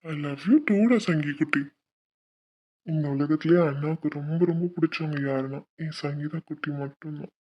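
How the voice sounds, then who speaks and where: Woman voicing a gentle doting older brother. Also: a little high, fairly even intonation, unhurried, lightly acted. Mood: soothing. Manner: tender, pleading, emotional. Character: loving young adult man, gentle elder brother. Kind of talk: dubbed animation voice acting. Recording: dull lo-fi recording.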